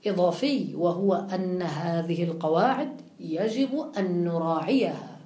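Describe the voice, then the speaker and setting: A woman's voice: on the low side, a little slow, dark tone, roomy sound, slight background noise. A woman giving a classroom lecture, explaining step by step and putting questions to her students before answering them. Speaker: teacher.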